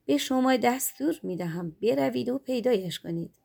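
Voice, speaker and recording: A woman's voice: mid-range voice, lively intonation, vocal fry, dark tone, husky. A woman voicing a proud, bossy rose flower who gives orders in a commanding way. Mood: angry, commanding. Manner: commanding, later pleading.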